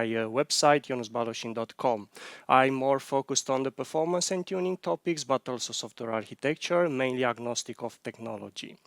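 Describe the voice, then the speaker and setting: Conference speaker, man in his thirties, halting and self-correcting, close dry headset sound. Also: medium pitch, clean tone, no echo. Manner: halting, frequent restarts, non-native phrasing. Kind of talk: technical conference talk. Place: large conference hall stage.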